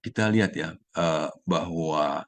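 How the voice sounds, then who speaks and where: Male Dharma speaker, very low voice, measured, hesitant fillers when explaining, dry sound. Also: no echo. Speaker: Buddhist Dharma sharing speaker. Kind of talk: Dharma talk, reading then explaining.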